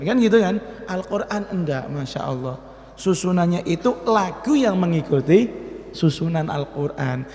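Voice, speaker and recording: A man with a Central Javanese accent giving a lively Ramadan study lecture as an Islamic teacher, asking his listeners questions and slipping into Javanese. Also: high-pitched, vocal fry. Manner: lively, asks the audience questions, switches into Javanese. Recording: echoey hall with long reverb.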